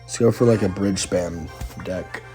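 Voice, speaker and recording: A young man giving casual, excitable live commentary on his own gameplay, talking slangily to his viewers. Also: low voice, a little slow. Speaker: gaming channel host. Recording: faint music underneath.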